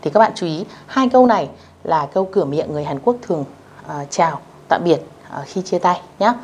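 A woman teaching beginners a language lesson, speaking patiently, repeating phrases slowly and checking that her students follow along. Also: lowish voice, expressive, a little mellow, a little hiss or hum.

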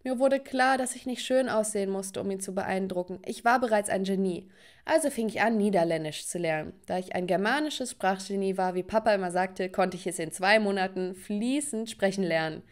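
A woman's voice: medium pitch, fairly quick. A woman narrating a scripted first-person story with dramatic, emotional delivery.

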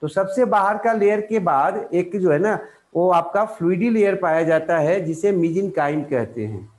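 An Indian man teaches a biology lesson in a fairly high voice. He keeps asking the class questions and then answers them himself, padding his explanation with fillers and restarts. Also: lively intonation, measured pace, darkish tone. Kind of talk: explanatory lecture in Hindi.

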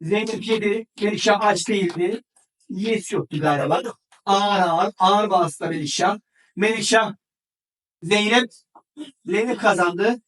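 High-voiced father cheering kids on. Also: measured pace, long pauses, fairly bright tone, recorded from a distance. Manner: urging, counting down, cheering children on. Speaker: father hosting a family game. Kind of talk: family game commentary.

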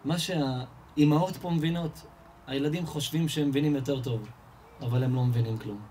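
A man giving a lively Torah lesson to an audience, telling everyday stories and firing rhetorical questions that he answers himself. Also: a little hiss or hum. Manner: animated storyteller, asks and answers his own questions, rises in pitch and volume. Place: live event hall before an audience.

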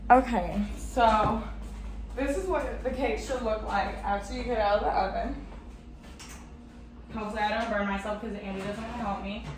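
A young woman talking casually through a cooking tutorial in her apartment kitchen, excitable and chatty, full of "like" and "oh my God," picked up by a camera mic across the room. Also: medium pitch, normal speed. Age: young adult. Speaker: cooking vlogger. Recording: echoey room, faint noise.

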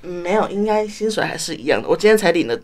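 Fast-talking young Taiwanese woman. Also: fairly low pitch. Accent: Taiwanese Mandarin. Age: 20s. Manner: animated, chatty, many "然后" run-ons. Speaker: guest, university student. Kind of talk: casual storytelling in a radio interview.

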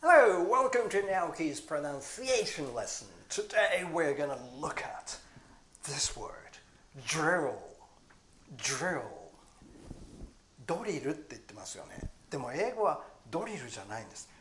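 A man who speaks natively, teaching pronunciation with a voice that swings up and down. He demonstrates each sound slowly and repeats it. The recording carries a roomy echo and a faint hiss. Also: a little high, very animated. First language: Japanese. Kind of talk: short pronunciation lesson.

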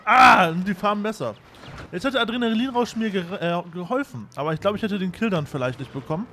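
A man giving casual gameplay commentary, excitable and self-mocking, shouting at his own fails. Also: high voice, brisk, background noise. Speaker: gaming YouTuber. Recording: game sounds behind.

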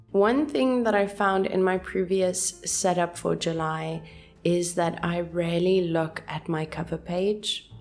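A woman calmly narrating a scripted voice-over for her journaling video in a soft, gentle, unhurried way. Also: fairly low pitch, creaky. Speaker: journaling channel host. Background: soft background music.

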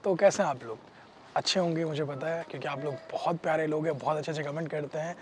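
A man's voice: on the high side, steady tone, fast talker, soft background music. A man hosting a channel, addressing viewers in a friendly, upbeat outro. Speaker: channel host.

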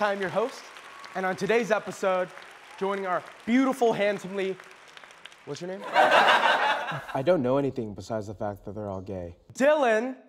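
A man's voice: high voice, fairly bright tone. A young man hosting a reality dating show in a studio, playful and teasing, talking into a handheld mic. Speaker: host. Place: studio set.

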